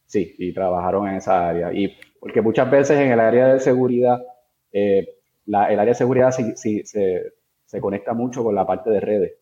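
The recording is muffled, carrying a man's lowish, warm voice at a moderate pace. He's a Puerto Rican network and security engineer being interviewed, explaining technical topics informally with hesitations and English tech terms mixed into his accented speech.

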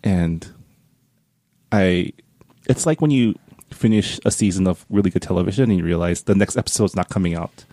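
A man co-hosting a book podcast in casual chat, easygoing and quick to laugh, with joking asides. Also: sits low, dark tone, dry recording. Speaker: podcast co-host.

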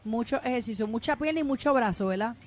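Puerto Rican woman, radio co-host, slightly high voice, animated casual chat from the studio. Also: fast talker, faint music behind.

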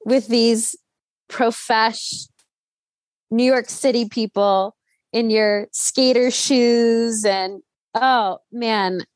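A woman's voice: fairly high pitch, steady tone, extremely slow, no room sound. A woman from the LA area with a Southern California accent, chatting informally and slangily as an interviewer, often saying "like". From Los Angeles Valley, California. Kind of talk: casual chat.

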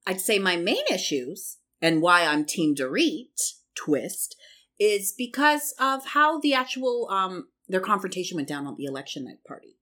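A woman's voice: mid-range voice, big pitch swings, measured pace, bright, forceful tone. A woman recapping a reality TV episode in a casual, chatty and opinionated way, swearing freely.

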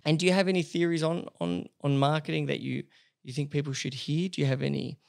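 A podcast host asking eager, quick questions in casual interview chat. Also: mid-range voice, fairly even intonation, creaky.

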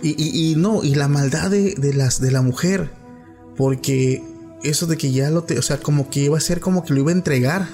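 A man's voice: on the high side, normal speed, dark tone, soft background music. A man with a Mexican accent hosting a podcast, reacting with emphatic agreement in casual chat. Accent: Mexican Spanish. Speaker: podcast host.

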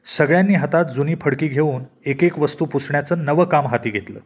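A man narrating a comic short story in a steady, expressive storytelling manner. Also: on the high side, fairly quick, slightly rough. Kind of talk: storybook reading. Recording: dull lo-fi recording.

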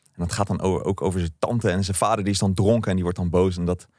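A man co-hosting a podcast, telling stories in a relaxed, chatty way with the odd swear word. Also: sits low, fast, no echo, studio quality. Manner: relaxed storytelling, mild swearing. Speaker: podcast co-host. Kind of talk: casual chat.

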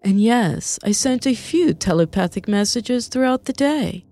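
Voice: mid-range voice, animated, a little slow, warm tone, soft background music, voice pushed up. A woman reading Rio, a tender, playful partner. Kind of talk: storybook character reading.

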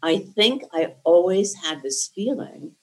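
Her pitch is fairly low and her delivery expressive, slow and a little mellow. She is a sixty-something woman from New Jersey, Lithuanian her first language, thoughtfully and articulately relating her life in an oral history interview.

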